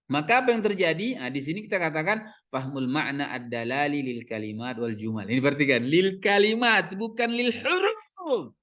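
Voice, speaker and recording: A man's voice: on the high side, a bit bright. A man, teaching Arabic reading in a lecture and explaining terms step by step with many fillers.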